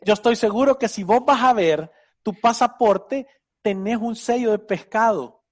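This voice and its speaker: Upbeat high-voiced Salvadoran man. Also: moderate pace. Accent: Salvadoran Spanish. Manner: enthusiastic, teasing, uses vos. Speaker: financial advice host. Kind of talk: casual radio advice chat.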